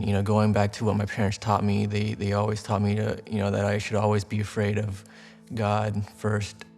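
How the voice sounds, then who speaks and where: This man from Texas, a Navy veteran in his twenties, has a fairly low, slightly mellow voice. He speaks earnestly in a documentary interview, occasionally restarting small bits.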